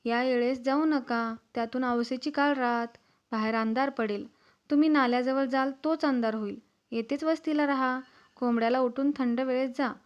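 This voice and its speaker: An anxious old village woman giving an earnest warning in a storybook, read by a woman narrator. The pitch is somewhat high and the recording sounds dull and lo-fi. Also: fairly even intonation, moderate pace, clear, resonant tone, lightly acted.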